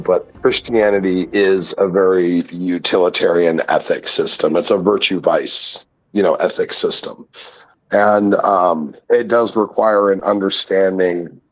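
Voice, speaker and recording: A man's voice: deep voice, low-quality recording. A man in casual chat, blunt and crude, lecturing at length on morality.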